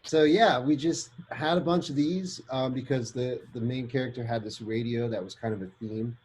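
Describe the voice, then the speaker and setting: A man's voice: medium pitch, steady tone, normal speed, a little mellow, slight background noise, low-quality recording. A man chatting casually as an interview guest. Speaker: interview guest, film composer. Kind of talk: casual chat.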